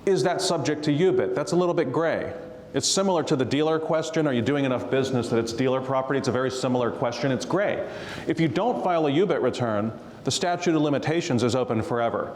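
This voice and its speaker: Quick and medium-pitched with a darkish tone, this jokey real estate tax attorney laughs often as he explains tax rules and spins stories for a live audience. Roomy hall reverb and slight background noise color the audio.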